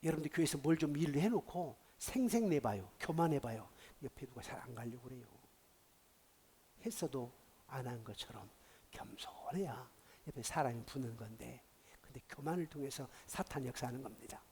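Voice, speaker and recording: A male pastor preaching a sermon, telling a story with dramatic swings from hushed tones to loud outbursts. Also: medium pitch, animated, a little fast, slight background noise.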